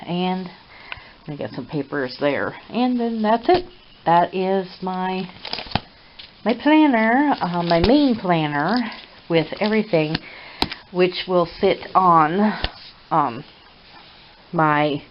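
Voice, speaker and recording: A woman with a low voice talks at home in a casual vlog. She speaks haltingly, with many pauses and fillers. The recording is dull and lo-fi with steady background hiss. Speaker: vlogger. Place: at home indoors.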